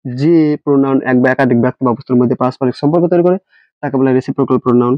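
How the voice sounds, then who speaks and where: Speaking very fast in a mid-range voice, this man gives a classroom-style English grammar lesson. He spells words letter by letter and throws rhetorical questions at his students, captured in a dry, dull lo-fi recording.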